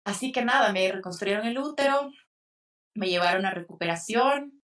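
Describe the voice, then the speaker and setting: Young female podcast co-host, emotional storyteller, mid pitch, slightly distant mic. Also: moderate pace. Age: young adult. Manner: tearful, animated retelling with acted quotes.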